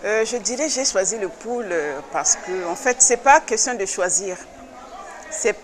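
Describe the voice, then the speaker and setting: The president of an association, a woman from the Republic of the Congo, answers interview questions earnestly and insistently, pausing hesitantly. Her pitch is medium, with a little hiss or hum in the audio.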